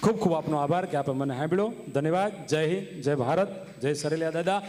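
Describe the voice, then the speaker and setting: A man with a Kathiawadi Gujarati accent telling stories from a stage, oratorical and emphatic, building to forceful declarations. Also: on the high side, brisk. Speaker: stage comedian and storyteller. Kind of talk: live folk stage storytelling. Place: stage before an audience. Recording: reverberant live stage hall.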